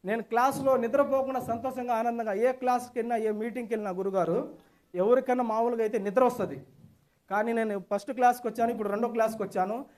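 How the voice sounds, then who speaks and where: A high-voiced man speaks quickly and eagerly, repeating his points for emphasis. He gives a testimonial to a class while standing in a hotel meeting hall. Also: fairly even intonation, a little mellow. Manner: enthusiastic, repetitive, emphatic. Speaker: seminar participant giving a testimonial.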